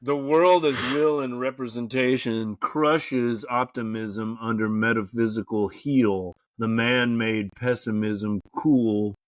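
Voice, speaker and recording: Slow, dry-voiced male podcast co-host. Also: mid-range voice, fairly even intonation, dry recording. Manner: reads florid write-ups with jokey asides. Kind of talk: casual livestream podcast chat.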